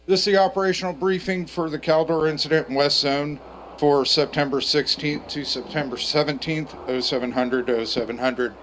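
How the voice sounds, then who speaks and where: An American man leading a formal operational briefing as section chief, reading procedures and lists in measured phrases. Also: on the high side, fairly even intonation, a bit bright, a little hiss or hum, low-quality recording.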